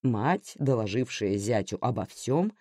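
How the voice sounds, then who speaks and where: A woman reading an audiobook story with expressive storytelling. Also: very deep voice, measured pace, no room sound, studio quality. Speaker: narrator. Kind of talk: audiobook narration.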